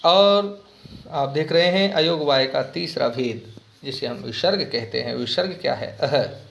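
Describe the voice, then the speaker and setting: A man teaching a grammar lesson to children, asking them questions and repeating key words slowly. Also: mid-range voice, vocal fry, fairly bright tone, muffled recording, a little hiss or hum. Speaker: Hindi teacher. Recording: echoey room.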